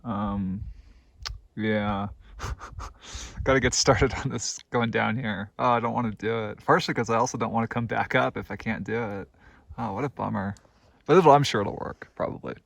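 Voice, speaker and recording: Out on high mountain passes and boulder fields, a backpacker films a casual trail vlog, chatting and musing aloud with a self-deprecating laugh. His voice is lowish, gravelly and fairly bright, recorded with no echo, and he gets winded at times.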